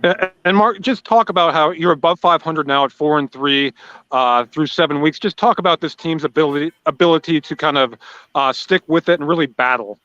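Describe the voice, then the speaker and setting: A man's voice: fairly high pitch, brisk, fairly bright tone, no room sound. A man interviewing a coach after a game over a clipped, lo-fi online call, asking friendly, direct questions. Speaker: sports interviewer.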